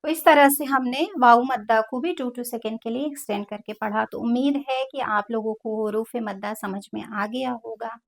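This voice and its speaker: A woman's voice: a little high, moderate pace, few pauses. A woman teaching Quran recitation who spells out each letter and then draws out each long vowel. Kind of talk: slow step-by-step tajweed lesson.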